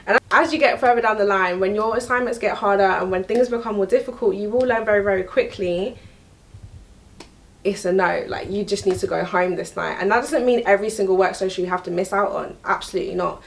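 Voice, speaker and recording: Frank young woman, creaky voice. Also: mid-range voice, brisk. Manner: frank and emphatic, repeats key points. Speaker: vlogger giving career advice. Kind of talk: direct-to-camera advice talk.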